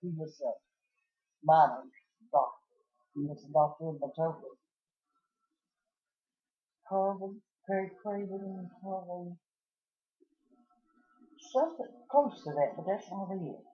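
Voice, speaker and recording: An elderly woman with an Appalachian accent reminiscing casually about family history, in a folksy, halting way. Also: fairly low pitch, animated. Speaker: interviewee recalling family history. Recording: dull lo-fi home recording.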